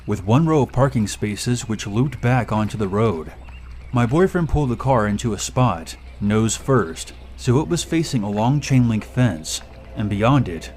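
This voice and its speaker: Male horror storyteller, lowish voice, steady, measured delivery, faint background hiss. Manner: steady, measured first-person telling. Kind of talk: scripted horror story narration.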